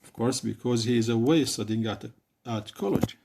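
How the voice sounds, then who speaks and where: A man's voice: medium pitch, moderate pace, creaky, a little mellow, slightly rough. A man teaching an English lesson in a Saudi Arabic accent, an Arabic speaker who hesitates with many fillers and repeats each phrase.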